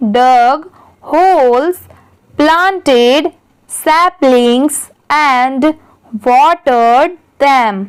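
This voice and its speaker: Slow, high-voiced woman teacher. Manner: patient, asks questions and answers them herself; reads English sentences very slowly, word by word. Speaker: English reading teacher. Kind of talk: reading lesson, spelling words letter by letter.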